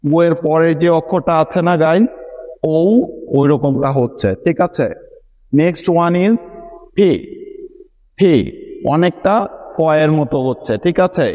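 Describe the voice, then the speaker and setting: A man teaching English pronunciation in a video lesson, patiently explaining each letter in Bengali mixed with English words and often asking whether it is clear. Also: on the high side, unhurried, a little mellow, dull audio.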